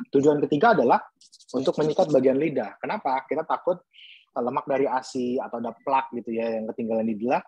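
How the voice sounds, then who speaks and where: Man, pediatric dentist, webinar talk, husky voice, dry close sound, earnest explainer. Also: mid-range voice, darkish tone, no echo, lo-fi sound. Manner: earnest and explanatory, with emphatic rhetorical questions.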